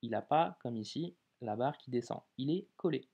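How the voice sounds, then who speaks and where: Relaxed man teaching in casual French. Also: medium pitch, vocal fry, husky, muffled recording. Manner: informal, addresses viewer as tu, drawn-out example words. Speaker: Arabic reading teacher. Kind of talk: casual video lesson.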